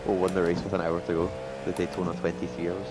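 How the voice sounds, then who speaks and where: Casual male sim-racing teammate, deep voice, heavy engine noise. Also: flat delivery, quick pace. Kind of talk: casual banter during a sim race. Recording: loud engine drone over the voice. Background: loud vehicle hum.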